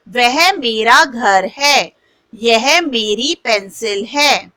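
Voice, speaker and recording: Brief: female grammar teacher, slightly high voice, crisp and dry, unhurried lesson reading. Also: bright, forceful tone, dry recording, rough recording. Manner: slow, deliberate reading of definitions and example lists. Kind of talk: scripted lesson narration.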